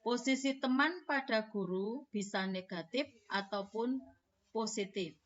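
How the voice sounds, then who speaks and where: A woman teacher giving a scripted lesson, speaking in a measured way and addressing her audience formally. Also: fairly high pitch, dull audio.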